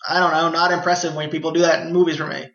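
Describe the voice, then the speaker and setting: A man's voice: on the high side, flat delivery, racing, a bit bright. A young man co-hosting a podcast, chatting casually about a film and stumbling over the first words of his sentences. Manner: hesitant, repeats words when starting. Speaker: podcast co-host. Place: apartment with open windows. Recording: roomy, dull lo-fi sound.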